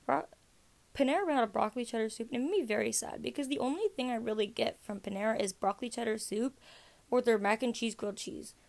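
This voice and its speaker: A teenage girl rambles through a casual podcast monologue, chatty and self-mocking as she hops from one topic to the next. Her voice sits a little high and carries a gravelly fry. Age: teens. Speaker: podcast host.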